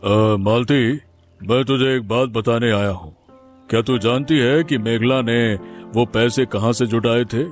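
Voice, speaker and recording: Man voicing gentle wise cartoon uncle. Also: mid-range voice, steady tone, a little slow, over music, lightly acted. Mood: earnest. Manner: gentle, consoling. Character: kindly older neighbour uncle, gentle and wise. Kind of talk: Hindi cartoon voice acting.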